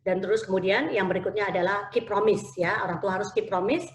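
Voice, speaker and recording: A woman's voice: mid-range voice, fairly even intonation, fast, roomy sound, a little hiss or hum. A woman giving an online parenting talk over a video call, often mixing in English phrases with frequent fillers. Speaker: parenting speaker.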